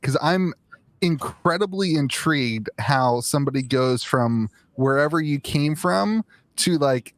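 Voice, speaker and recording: A man's voice: fairly high pitch, dry recording. A man hosting an interview show, chatting casually and enthusiastically with frequent restarts. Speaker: host.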